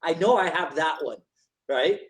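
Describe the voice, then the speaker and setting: A man hosting a casual conversation, easygoing and quick to agree. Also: a little high, lively intonation. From Barbados. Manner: easygoing, agreeable, frequent affirmations. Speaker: podcast host.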